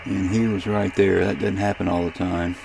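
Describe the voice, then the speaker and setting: A low-voiced ham radio channel host, his pitch barely moving, talks his way through an informal screen demo without hurrying. He's recording in a camper, where electrical and radio interference noise comes through clearly.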